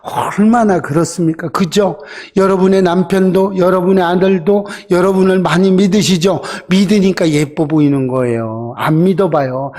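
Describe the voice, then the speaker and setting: Male pastor, higher voice, conversational sermon that leans on rhetorical questions and little acted asides. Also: moderate pace, darkish tone. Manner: acts out quoted voices in short dramatized asides.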